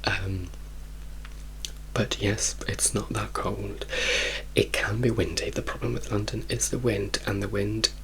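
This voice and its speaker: A man rambles softly in an ASMR style. His hushed voice sits low and often drops into a whisper, with a gravelly fry underneath. He takes his time and leans on repeated words for emphasis. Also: fairly even intonation, low-quality recording. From Italy. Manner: unhurried, rambling, emphatic repetition. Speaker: ASMR creator telling personal stories. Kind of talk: soft-spoken ASMR ramble.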